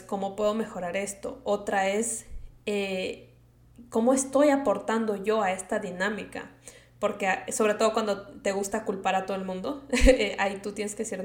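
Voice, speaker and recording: A woman in her twenties from Ecuador with an Ecuadorian Spanish accent, hosting a casual personal podcast monologue, chatty and rambling, slipping in English words. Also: mid-range voice. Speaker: podcast host. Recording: echoey room.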